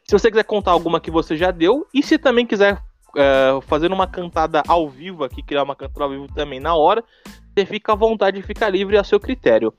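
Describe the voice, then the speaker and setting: Male podcast co-host, rapid and rambling, self-mocking humor, faint music underneath. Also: high voice, lively intonation, highs cut off. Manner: joking, self-deprecating, fast and rambling. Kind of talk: casual podcast chat.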